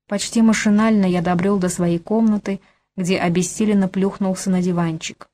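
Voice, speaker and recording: A woman narrating an audiobook in an even, measured storytelling manner. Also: medium pitch. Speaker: audiobook reader.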